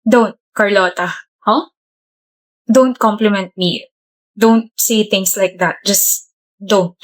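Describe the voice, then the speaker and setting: A woman playing a gentle, soft-spoken young college man in a skit, talking slowly and firmly. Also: medium pitch, pitched below the performer's own voice, lightly acted, low-quality recording. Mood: pained. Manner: soft-spoken, slow and firm. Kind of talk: comedic POV skit.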